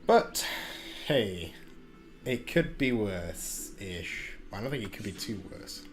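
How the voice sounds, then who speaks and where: With faint music behind him, a young gaming host talks through a card game from his room at home using a desk microphone. His commentary is chatty and self-deprecating, peppered with ums and restarts. He speaks slowly in a lowish, expressive voice.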